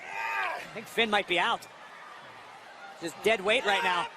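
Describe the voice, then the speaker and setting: A man's voice: high voice, very animated, slow pace. Male wrestling commentator, raised voice, noisy arena. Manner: emphatic, dramatic turns of phrase. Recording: loud arena crowd noise. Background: roaring crowd in an arena.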